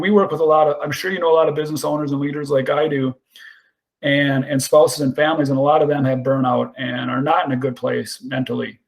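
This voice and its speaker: Gravelly-voiced man hosting a podcast. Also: a little high. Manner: earnest, restarts often, repeats words. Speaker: podcast host. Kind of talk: casual podcast conversation.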